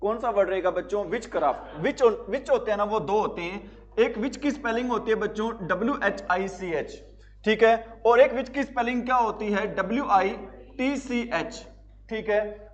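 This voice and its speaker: A man teaching an exam-prep vocabulary lesson, repeating each question and answering it himself. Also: high voice. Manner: repetitive, quizzing students with call-and-answer questions.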